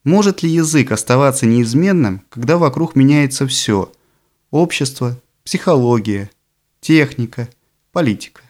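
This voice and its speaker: Narrating an audiobook, a man with a medium-pitched, somewhat dark voice reads scripted prose deliberately. He lays out each phrase in a measured way, though his intonation stays lively.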